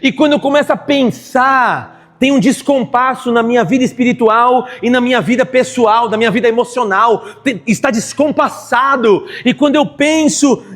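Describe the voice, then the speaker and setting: A man preaching a sermon at a church service, swinging from quiet confession to loud emphatic outbursts. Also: very high voice, moderate pace, hardly any pauses, soft background music. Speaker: pastor preaching.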